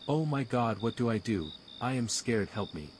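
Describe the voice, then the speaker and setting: A man voicing a wary, put-upon store worker in a horror game, with flat, understated delivery. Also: mid-range voice, moderate pace, close to an everyday voice. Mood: uneasy. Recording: background noise with night insects.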